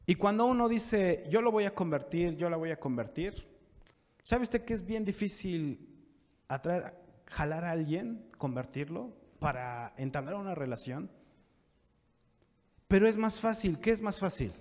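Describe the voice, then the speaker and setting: A man preaching a sermon to young people, building from calm talk to fervent shouting. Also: high voice, measured pace. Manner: preaching with rising fervor, shouting at peaks. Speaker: pastor. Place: church sanctuary. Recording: long church reverb.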